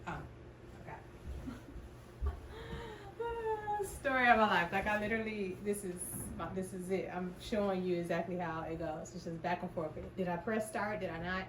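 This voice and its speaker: A woman with a lowish, fairly even voice talks fairly quickly over a slight hiss or hum. She's a content creator vlogging her routine at home, chatting to camera in a rambling way, interrupting herself and thinking aloud. She sounds tired and is sometimes out of breath.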